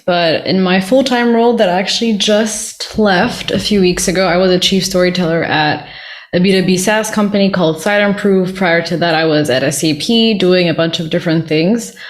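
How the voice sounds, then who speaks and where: A young woman from Ethiopia, a guest on a podcast, talking in a relaxed conversational way over a remote call. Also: medium pitch. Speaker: podcast guest, career coach. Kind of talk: casual interview conversation.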